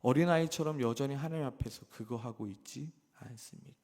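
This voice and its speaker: Impassioned preacher in a reverberant hall. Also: male voice, fairly quick. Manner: impassioned, swinging from loud emphatic peaks to hushed low passages; rhetorical questions to the congregation. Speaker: pastor. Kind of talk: sermon.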